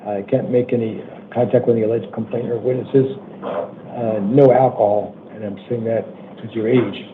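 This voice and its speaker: Weak-voiced American judge on a tinny line. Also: male voice, lowish voice, steady tone. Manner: plain-spoken, informal, halting with repeated checks for understanding. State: weak voice that day. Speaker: judge presiding over initial appearance hearings. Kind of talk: procedural courtroom address, reading charges and release terms. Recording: tinny phone-like courtroom audio, faint noise.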